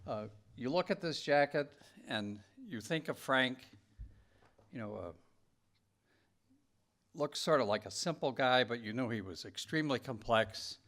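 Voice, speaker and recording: A man, a Jesuit priest, giving reflective remarks before a benediction and pausing often with fillers. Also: mid-range voice, expressive, fairly bright tone. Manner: halting, reflective, many fillers.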